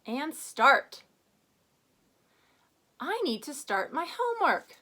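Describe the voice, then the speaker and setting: A first-grade teacher gives young children a reading lesson, prompting them with questions and reading aloud with expressive emphasis. Her voice is high and her pace slow.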